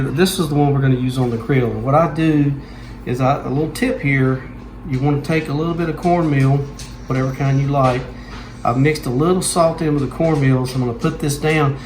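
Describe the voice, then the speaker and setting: A man with a mid-range voice explains cooking steps in a relaxed, down-home style, much like someone hosting a home cooking show. The audio is poor, and background noise sits plainly behind his words.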